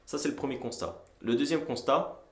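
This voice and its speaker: A man's voice: mid-range voice, normal speed. A man in his twenties from France, casually explaining to the viewer straight on, with frequent hesitations. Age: 20s. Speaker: entrepreneur and video host. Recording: echoey room.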